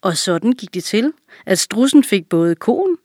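A woman calmly and clearly reading a fable aloud for children. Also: mid-range voice, no echo, clean studio sound. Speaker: reader.

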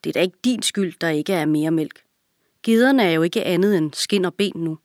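Woman reading a teasing boy in a kids' audiobook, low and dry, not much of a put-on. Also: no echo, natural voice. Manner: teasing then gentle. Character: teasing kind young boy, big brother.

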